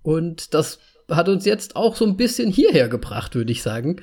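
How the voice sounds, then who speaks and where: A man's voice: fairly high pitch, sing-song, moderate pace, a little mellow. A man in his late thirties co-hosting a podcast in casual chat, talking in a rambling, chatty way and laughing often. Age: 30s. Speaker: podcast co-host.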